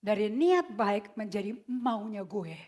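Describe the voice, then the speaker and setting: A woman preaching a sermon in a casual, slangy way, mixing in English phrases and swinging from loud shouts to hushed whispers. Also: medium pitch, big pitch swings, slow pace. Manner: mixes English phrases into her speech; casual slangy emphatic delivery.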